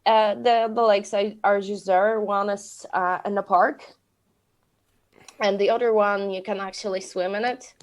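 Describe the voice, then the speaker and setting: Polish woman podcast co-host, mid pitch, halting non-native phrasing, casual. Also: fairly even intonation. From Poland. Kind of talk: casual chat.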